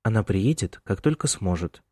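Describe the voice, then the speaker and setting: A man's voice: fairly low pitch, expressive, moderate pace, mellow, breathy edge, no room sound, studio quality. A male narrator voicing a polite, reserved young man visiting a friend in an audiobook. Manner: polite and restrained.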